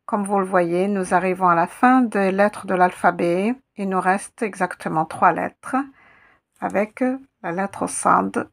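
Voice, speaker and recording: A woman teaching an Arabic letter in a slow, step-by-step lesson, patiently repeating sounds for her students. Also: medium pitch, creaky.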